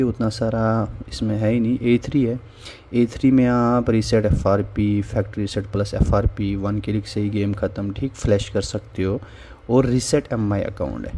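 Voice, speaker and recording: Speaking in a fairly low, mellow voice, a phone repair tutorial host gives an informal voice-over on a screen recording of a repair tool. Between steps, he habitually says "theek hai."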